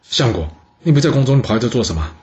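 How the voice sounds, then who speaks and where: A man voicing a calm male nobleman who speaks in a low, reassuring way. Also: very fast, lo-fi sound, lightly acted.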